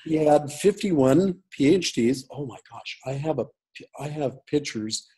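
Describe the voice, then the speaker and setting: A man's voice: fairly high pitch, animated, unhurried, mellow, slightly rough, rough recording. A man telling a long personal story as an interview guest over a call, rambling with many fillers and restarts. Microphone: call audio.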